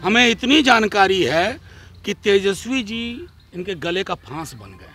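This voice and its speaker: A man's voice: sits high, animated, unhurried, bright, forceful tone. A man, a party spokesperson giving a combative, sarcastic statement to reporters.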